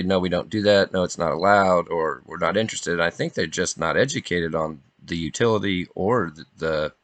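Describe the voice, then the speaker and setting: A man's voice: deep voice, a bit bright, no echo. A man talking casually and informally in an earnest, rambling way. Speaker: individual drone operator and video maker.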